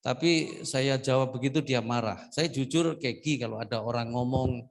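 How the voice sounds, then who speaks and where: Guy pastor in a church, casual joking sermon, keeps saying ya, mid pitch. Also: normal speed. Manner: chatty, joking, tags lines with "ya". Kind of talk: conversational sermon.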